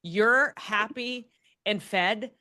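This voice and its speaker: Young woman on a podcast, animated, does little voices when she quotes people, trips over her words sometimes. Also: mid-range voice, extremely slow. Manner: animated, acts out quoted speech, frequent restarts. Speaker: podcast guest. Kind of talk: casual podcast chat.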